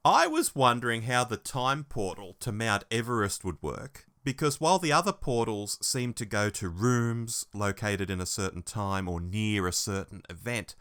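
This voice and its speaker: A man's voice: lowish voice, very animated, normal speed, few pauses, a bit bright, clean tone. A man co-hosting a podcast, musing over an episode and chuckling as he talks. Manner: musing, chuckles while talking. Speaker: podcast co-host. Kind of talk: casual review chat.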